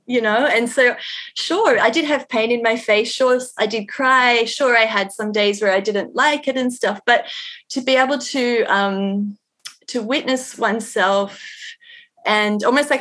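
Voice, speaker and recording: A woman guest on a podcast telling a personal story in an earnest, animated way, often using "like". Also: mid-range voice.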